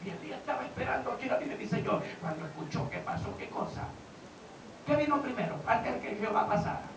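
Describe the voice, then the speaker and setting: A male pastor preaching a sermon. He questions his congregation and swings from low talk to shouting. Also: big pitch swings, quick pace, vocal fry. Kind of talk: Pentecostal-style sermon. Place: church hall. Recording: roomy, distant, dull and noisy church recording.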